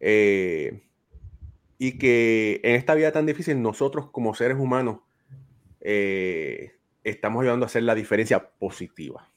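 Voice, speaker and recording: A man's voice: lowish voice, lively intonation, a little slow. A man hosting a casual podcast chat over a video call, giving earnest, fatherly advice and often tagging his sentences with a questioning "right?". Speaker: podcast host.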